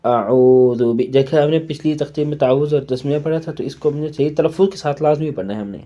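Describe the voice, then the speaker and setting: A man with a Pakistani Urdu accent teaching children to spell out and recite Quranic syllables, slowly drawing out the recitation and then explaining quickly. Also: a little high, mellow. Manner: slow drawn-out recitation alternating with quick explanations.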